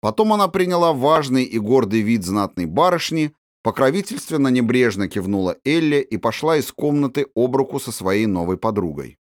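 A man narrating an audiobook in an expressive storytelling manner. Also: medium pitch, moderate pace, hardly any pauses, no echo, studio quality.

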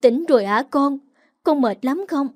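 A woman's voice: high-pitched, expressive, unhurried, a little mellow, no echo, clean studio sound. A woman doing a worried, doting mother. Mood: anxious. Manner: anxious, doting. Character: worried caring mother, middle-aged woman.

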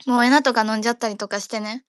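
A woman's voice: on the high side, steady tone, very fast, a little hiss or hum. A woman with a Kansai accent hosting a casual audio chat room, joking around and rambling playfully. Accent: Kansai Japanese.

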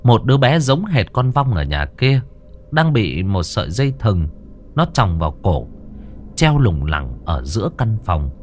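A man narrating a horror story in a lively, dramatic way. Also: on the low side, measured pace, slight background noise.

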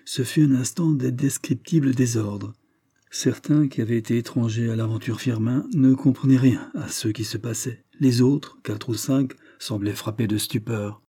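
A man reads a classic novel aloud in a measured, theatrical way. His voice sits low and mellow, with a husky grain to it. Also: steady tone. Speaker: audiobook narrator. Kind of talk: scripted narration of a classic novel.

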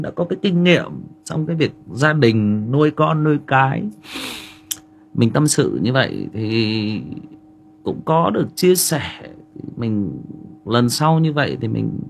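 A man's voice: medium pitch, creaky, slight background noise. A man with a Northern Vietnamese accent, hosting a livestream and telling a family story in a casual, rambling way full of filler words. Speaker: livestream host.

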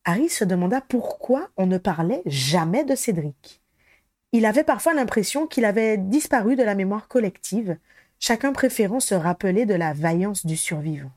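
A woman reading a storybook aloud in an even, measured way. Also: mid-range voice, dry recording, clean studio sound. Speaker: audiobook reader. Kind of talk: storybook narration.

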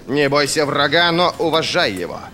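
A man's voice: a little high, expressive, moderate pace, pushed and bright, slight background noise, voice pushed up. A man voicing a stern, curt older army commander in an audiobook, speaking bluntly and with authority. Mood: commanding.

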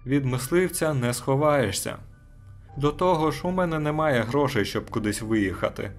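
A man voicing a weary young woman who speaks quietly and flatly, resigned to her fate, in an audiobook reading. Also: medium pitch, moderate pace, faint music behind, pitched above the performer's own voice, lightly acted.

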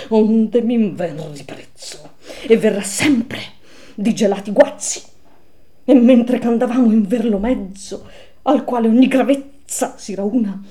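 A middle-aged woman giving a live dramatic poetry recitation, theatrical, swinging from whispers to loud declaiming. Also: on the high side. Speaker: reader.

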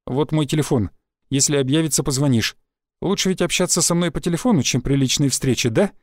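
A man voicing a calm, menacing stranger who speaks in a dry, level way. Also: a little high, fairly quick, dry recording, lightly acted. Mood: cold calm. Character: calm, menacing male stranger, cold and unhurried.

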